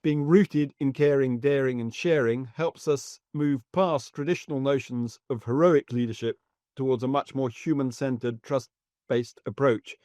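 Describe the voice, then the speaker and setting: A man hosting a podcast interview, asking questions in a measured, thoughtful way. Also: mid-range voice, darkish tone, dry recording. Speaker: podcast host.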